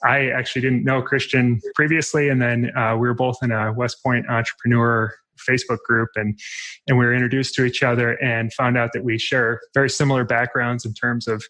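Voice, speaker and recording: A man in his thirties hosts a podcast, first reading a scripted intro and then drifting into casual interview chat with friendly, loosely phrased questions full of fillers. His medium-pitched voice is flat, brisk, pushed and bright, and the recording is rough.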